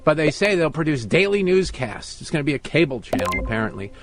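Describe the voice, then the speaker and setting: A man's voice: a little high, sing-song, fast. A middle-aged American man filling in as a talk radio host, delivering an opinionated monologue with sarcastic, mocking asides.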